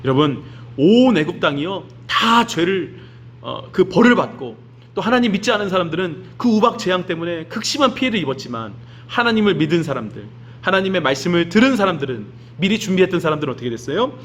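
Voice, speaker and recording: A man's voice: high voice, very animated, fast talker. Man preaching a children's sermon. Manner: storytelling, asks the children questions. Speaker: children's pastor. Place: church.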